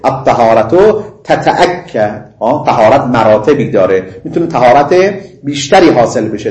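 A middle-aged man lectures students on Islamic law in a roomy, echoing classroom. His voice sits a little high, and he checks often that the class follows him. He moves from Arabic legal formulas to friendly asides. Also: darkish tone. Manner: mixes in Arabic legal phrases, chatty asides and laughter. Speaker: seminary teacher.

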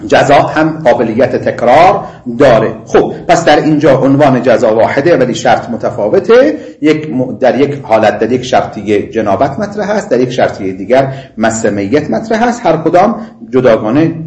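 In a classroom with a roomy echo, a middle-aged man teaches Islamic law at a seminary in an animated, mid-range voice with a darkish tone. He goes over his points again, asks if the students are following, drops in Arabic legal terms, and chats and laughs with them.

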